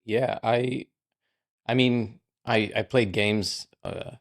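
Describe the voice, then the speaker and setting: A Russian game programmer in his forties chats casually as a podcast guest in an interview. His voice is on the low side, steady and slow, and he rambles with a constant stream of "like".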